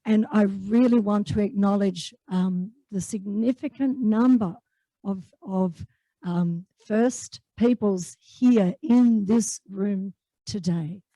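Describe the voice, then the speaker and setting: A woman's voice: medium pitch, takes it slowly, warm tone, no room sound, low-quality recording. A woman with an Australian accent hosting an evening event in a large room, speaking enthusiastically with many fillers. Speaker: host and executive officer.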